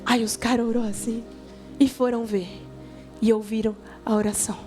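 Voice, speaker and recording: A woman with a Brazilian accent gives an informal youth sermon, telling stories in colloquial, conversational language, addressing her listeners directly and acting out dialogue. Her voice is a little high and a little mellow, delivered flatly at a moderate pace, with faint music behind her.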